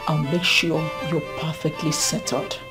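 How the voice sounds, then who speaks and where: A woman's voice: low-pitched, little pitch movement, measured pace, over loud music. A firm, scheming Nigerian queen. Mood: cold. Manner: firm, controlling. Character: scheming queen, firm middle-aged woman.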